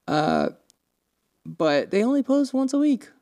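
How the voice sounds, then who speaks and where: A man's voice: high-pitched, huge pitch swings, measured pace, darkish tone. A young man co-hosting a podcast, talking in a casual, earnest and emotional way, with lots of restarts. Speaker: podcast co-host. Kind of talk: casual chat.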